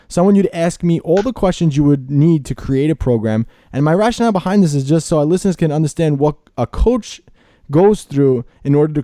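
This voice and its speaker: A man in his late twenties hosting a casual podcast interview, speaking in a relaxed, matter-of-fact way. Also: a little high, no echo, studio quality. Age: late 20s. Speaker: podcast host.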